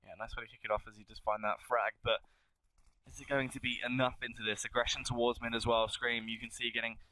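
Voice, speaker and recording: Male analyst caster, mid-pitched, bright edge, breaks down plays and builds hype. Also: flat delivery, quick pace, low-quality recording. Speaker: esports colour commentator. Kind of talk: colour commentary.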